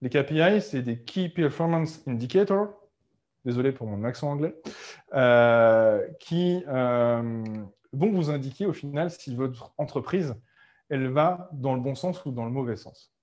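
A man talking casually to his audience as a business coach, mid-pitched and easygoing. He backtracks and fixes his words as he goes. The sound is a little dull and lo-fi. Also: unhurried, darkish tone. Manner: conversational, many fillers and self-corrections. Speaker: entrepreneurship coach. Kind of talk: casual explanatory talk to camera.

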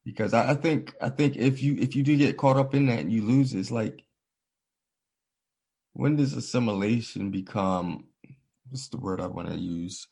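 A man's voice: medium pitch, moderate pace, gravelly, dark tone, breathy edge. A man hosting a podcast in casual conversation, earnest and reflective, telling personal stories and acting out what others said. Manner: earnest, reflective, storytelling with quoted voices. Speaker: podcast host.

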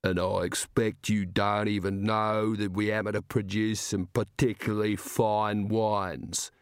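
A man voicing a huge, menacing male pub brawler who talks slowly and threateningly in a low voice. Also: level tone, clear, resonant tone, no echo, clean studio sound. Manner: slow, low, threatening drawl. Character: slow menacing giant male drinker.

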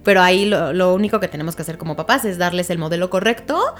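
Low-voiced woman therapist explaining patiently. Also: lively intonation, fast, soft background music. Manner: patient, explains with examples and checks in with "¿ok?". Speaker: child language therapist. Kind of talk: explanatory interview talk.

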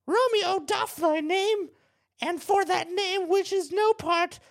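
A woman's voice: extremely high pitch, slow, voice pushed up, exaggerated voice. A woman reading a young heroine's lines in classical verse while doing the voice of an old hag, theatrical and giggly. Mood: shrill, hammy. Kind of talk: comic script read-aloud.

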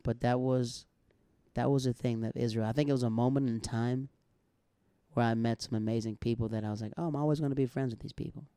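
An American man in casual chat, telling animated stories and acting out the people he quotes. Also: mid-range voice, fast talker, clear, resonant tone, no echo. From United States. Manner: animated storyteller who acts out quoted dialogue.

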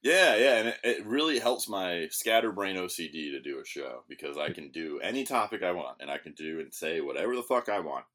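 Rambling low-voiced male podcast host. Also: expressive, brisk, hardly any pauses, a bit bright. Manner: rambling, swearing, restarting sentences. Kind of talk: casual podcast chat. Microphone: studio microphone.

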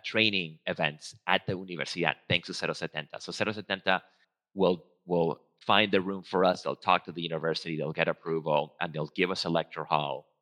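On stage, a low-voiced Venezuelan man whose first language is Spanish gives a casual talk as a guest speaker and research trainer. He sounds bright and forceful but rambles, packing his points with "um"s, restarts and quick self-corrections.

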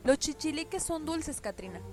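A woman's voice: sits high, expressive, normal speed, voice pushed up. A woman voicing Isabel, a friendly and knowing girl spirit who patiently explains traditions in a storybook, with music behind. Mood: explaining.

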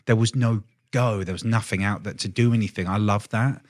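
A man with a very low voice hosts a relaxed podcast chat, rambling and restarting as he goes and swearing casually. The sound is dry and close, with no room around it. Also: brisk, dry recording. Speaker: podcast host, tattooer.

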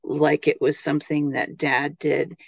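A woman's voice: low-pitched, little pitch movement, unhurried, creaky, slightly rough, dry recording. A woman co-hosting a podcast, chatting and asking curious, friendly questions. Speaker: podcast co-host. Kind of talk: casual interview chat.

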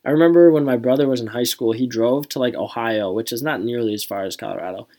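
A woman's voice: very deep voice, quick pace, mellow. A young woman from Michigan in her twenties, co-hosting a casual podcast chat and rambling with lots of filler words. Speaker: podcast co-host.

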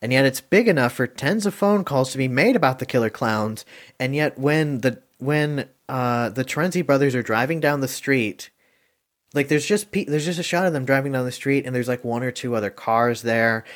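A man's voice: mid-range voice, moderate pace, a bit bright. A man hosting a casual podcast movie review, rambling and hesitant with lots of ums and likes, chuckling now and then.

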